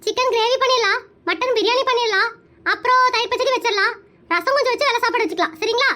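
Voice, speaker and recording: A voice actor voicing a bossy, talkative middle-aged aunt in an animated cartoon, scolding and prying. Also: very high voice. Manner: loud, scolding, nosy and fast.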